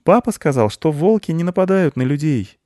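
A man's voice: on the high side, lively intonation, moderate pace, mellow, dry recording, studio quality, voice pushed up, natural voice. A man voicing a curious, earnest young boy in an audiobook. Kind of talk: audiobook character voice.

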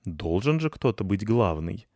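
A man voicing a calm, bossy grey tomcat who speaks in a firm, matter-of-fact way. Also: lowish voice, measured pace, no room sound, studio quality.

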